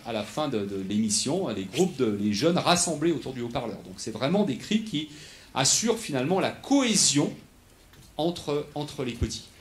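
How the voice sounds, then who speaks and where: A man's voice: medium pitch, a little hiss or hum. A man giving a lecture, explaining step by step, often restarting and checking in with the audience. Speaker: researcher giving a lecture on animal acoustics.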